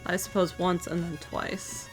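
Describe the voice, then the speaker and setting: A woman's voice: on the low side, little pitch movement, measured pace, faint music behind, low-quality recording. Woman chatting casually on a livestream. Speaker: livestream co-host. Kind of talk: casual chat.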